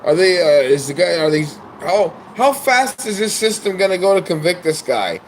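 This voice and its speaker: A man's voice: high voice, big pitch swings, moderate pace. A man talking casually on a livestream, playful and teasing, chatting to viewers in a rambling way. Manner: playful, teasing and sing-song. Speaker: livestream host. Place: apartment by an open window. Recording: echoey room, mic far off, loud street traffic.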